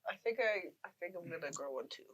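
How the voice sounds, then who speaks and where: A woman's voice: fairly low pitch, animated, quick pace, a bit bright. Woman, podcast co-host, teasing, laughs often, short quips. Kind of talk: casual chat.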